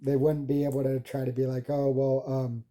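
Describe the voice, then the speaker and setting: A man recording a casual vlog, speaking haltingly with constant fillers, stumbles and restarts. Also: mid-range voice, monotone, warm tone. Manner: rambling, heavy filler words. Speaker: vlogger. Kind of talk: casual self-recorded monologue.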